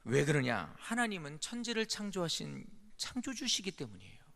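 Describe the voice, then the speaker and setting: A male pastor preaching a sermon, swinging between loud pleading outbursts and hushed whispers. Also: fairly high pitch, wildly swooping pitch, moderate pace, vocal fry. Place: church sanctuary. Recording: long church reverb.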